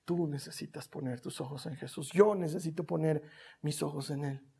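A preacher with a Rioplatense Spanish accent, delivering a sermon that swings between loud exclamations and hushed near-whispers and keeps asking the listener rhetorical questions. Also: mid-range voice, fairly even intonation, normal speed, gravelly, breathy edge.

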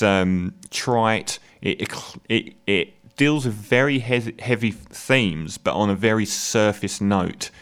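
A man's voice: fairly low pitch, clean tone. A man giving an opinionated, casual spoken film review, hesitating often with fillers.

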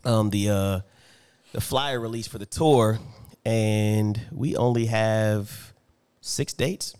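A man co-hosting a casual podcast, expressive, sharing a mix of excitement and worry. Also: fairly low pitch, takes it slowly, smooth. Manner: expressive, swings between excited and worried. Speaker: podcast co-host. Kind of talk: casual chat.

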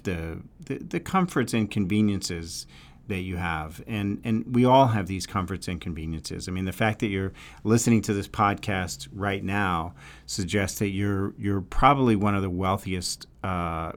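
Male podcast host, New York accent, low register, casual and halting, thinking aloud. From New York, USA. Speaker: podcast host giving dating advice to women. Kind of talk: casual solo podcast talk.

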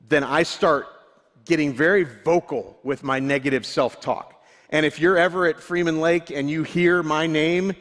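A man's voice: a little high, a bit bright. A male pastor giving a sermon, candid and self-deprecating, often restarting his sentences. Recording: long hall reverb.

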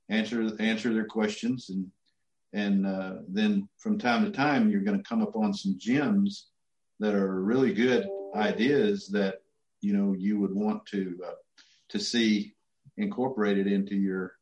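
A middle-aged man answering interview questions as a city manager, in a halting, folksy, casual way. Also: lowish voice, darkish tone. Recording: muffled, echoey room sound.

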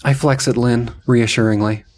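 Man putting on a husky boastful muscleman. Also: medium pitch, fairly even intonation, moderate pace, darkish tone, lightly acted. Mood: smug, flirty. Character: muscle-proud, boastful, flirty strongman brute. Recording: music behind.

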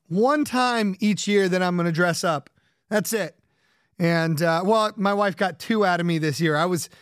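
A man's voice: high-pitched, a bit bright, clear, resonant tone, dry recording, studio quality. A man hosting a podcast, rambling casually with lots of fillers, joking about himself and laughing often. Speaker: podcast host.

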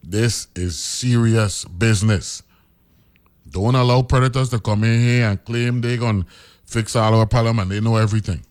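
His voice is fairly low, steady, and a little mellow, moving at a moderate pace. He is a middle-aged radio host from the Virgin Islands with that island accent, narrating a story as casual commentary and repeatedly asking "right?".

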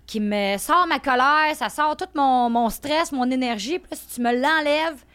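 A woman's voice: high voice, measured pace, clear, resonant tone. A woman in her thirties with a Québécois French accent, telling stories as a guest in a casual chat. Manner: animated, emphatic storyteller. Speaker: podcast guest.

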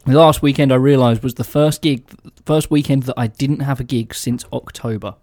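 An English man chats casually as a radio co-host, sharing anecdotes. His voice sits at a medium pitch, recorded dry and close with little room sound. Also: fairly even intonation, moderate pace, mellow, dry recording. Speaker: radio show co-host, musician.

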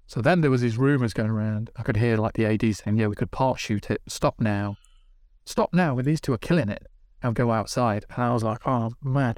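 A man, a TV director, telling animated casual stories on a podcast, swearing and acting out what people said. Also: mid-range voice, brisk, no echo, clean studio sound. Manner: animated, swearing, acts out dialogue. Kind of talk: casual storytelling. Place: podcast studio.

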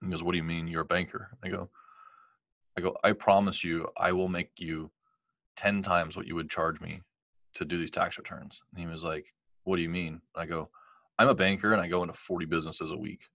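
A man with a deep yet bright, forceful voice tells a personal story in casual conversation. He acts out what others said and leans on fillers. The sound is dry and close, with no room around it. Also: fairly quick, creaky, no room sound. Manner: animated, quotes others, many fillers like "like" and "you know". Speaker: guest telling his story.

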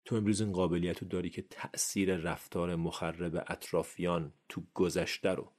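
A man's voice: deep voice, flat delivery, a little mellow. A man hosting a motivational podcast, speaking earnestly and directly to the listener, pushing harder on his key phrases. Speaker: podcast host.

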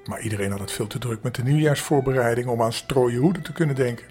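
Brief: grandfatherly older man, calm bedtime storyteller, mid-pitched, soft music underneath. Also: fast. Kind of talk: reading a bedtime story aloud.

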